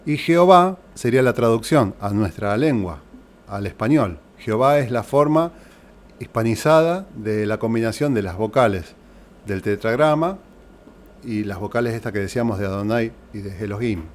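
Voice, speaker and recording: A man's voice: lowish voice, moderate pace. A man with an Argentine accent preaching in a church, explaining things step by step and posing rhetorical questions to the congregation. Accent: Argentine Spanish. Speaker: pastor. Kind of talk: sermon teaching. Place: church hall.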